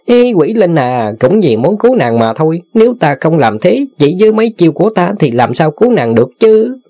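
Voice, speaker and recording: A man's voice: a little high, big pitch swings, brisk, dark tone, no echo, pitched above the performer's own voice. A man voicing a cheeky, lecherous young male rogue who boasts and wheedles, in an audiobook. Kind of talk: audiobook character voice.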